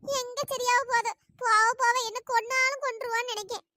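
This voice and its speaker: A woman's voice: extremely high pitch, steady tone, brisk, pushed and bright. A woman voicing a self-pitying old grandmother in a comic skit, with a whiny, complaining manner. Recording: noisy home recording.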